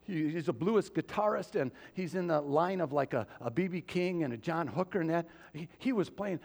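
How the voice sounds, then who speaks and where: A man's voice: sits high, creaky. A man preaching a sermon as pastor, talking to the congregation in a loose, conversational way with frequent asides. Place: church sanctuary. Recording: long reverb of a church hall.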